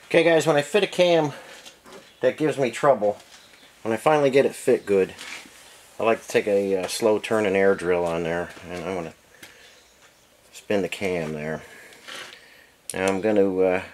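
A man's voice: fairly low pitch, normal speed, long pauses, a little mellow, a little hiss or hum. A man casually explaining engine work in a home garage, matter-of-fact with many fillers, heard from an off-screen camera mic. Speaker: engine builder. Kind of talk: casual workshop demonstration.

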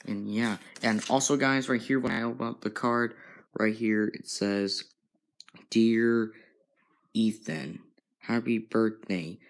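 A young man records a casual vlog on his phone in his bedroom, speaking in a fairly low voice. He talks very slowly, circling back over the same points again and again and calling out to his viewers. The sound is the plain audio of a handheld phone. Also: fairly even intonation. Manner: slow and repetitive, keeps addressing "guys". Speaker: vlogger. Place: bedroom at home. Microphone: handheld phone camera.

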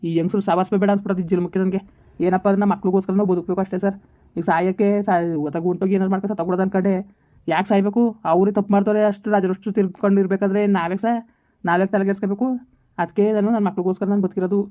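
Woman playing a bitter, fast-talking husband. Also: medium pitch, level tone, lightly acted. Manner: rapid, complaining, pleading to an officer. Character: aggrieved middle-aged husband, bitter toward his wife. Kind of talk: village family drama. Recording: dull lo-fi recording.

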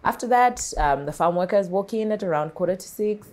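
A woman in her thirties, a guest on a studio interview, talking in an articulate, animated way with frequent laughs, recorded on a lapel mic. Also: mid-range voice, a little fast. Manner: articulate, animated with hand gestures, laughs often. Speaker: farmer and entrepreneur guest. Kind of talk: interview conversation. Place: small television studio set.

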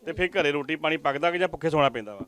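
Fast-talking Punjabi man reporting. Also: a little high, expressive, fairly bright tone. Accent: Punjabi, Majhi. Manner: earnest, pleading appeals to viewers. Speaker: news reporter. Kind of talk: field report interview. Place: village outdoors.

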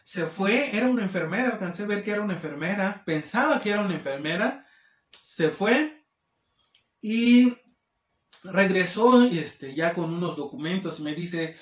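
A man with a Mexican accent telling a casual storytime, animated and acting out the people he quotes. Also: high-pitched, normal speed. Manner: animated, acts out quoted people in shifting voices. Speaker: vlogger. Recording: roomy echo.

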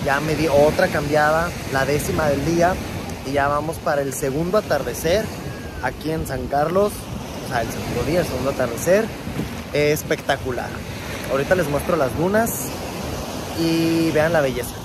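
This young travel vlogger has a fairly high-pitched voice and a moderate pace as he chats casually to viewers while filming himself at a beach resort. Relaxed and chatty, he speaks to his audience like friends, recorded on a phone camera held at arm's length amid outdoor wind and sea noise.

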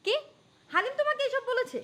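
A woman playing a high, bright indignant wife. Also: big pitch swings, fast talker, heavily acted. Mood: demanding. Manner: indignant and demanding. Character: wronged older sister and wife, indignant. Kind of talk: short-film drama acting.

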